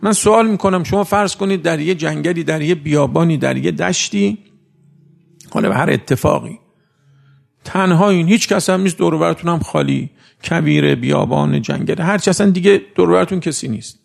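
A man giving a conversational sermon who recites Arabic sayings slowly and then explains them in everyday speech. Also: on the high side, gravelly. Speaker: cleric giving a religious talk.

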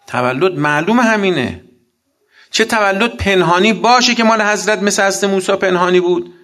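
A man's voice: sits high, bright, forceful tone. A man giving a blunt sermon, telling combative anecdotes and acting out the dialogue.

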